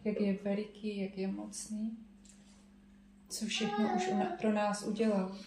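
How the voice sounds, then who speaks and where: Woman preacher, soft reflective sermon, echoey room. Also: medium pitch, animated, very noisy.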